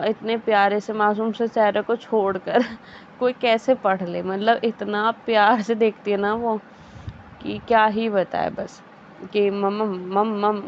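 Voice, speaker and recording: A woman's voice: medium pitch, muffled recording, slight background noise. A young woman vlogger narrating her day in a chatty, amused way, with frequent fillers and restarts. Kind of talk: casual vlog voice-over narration.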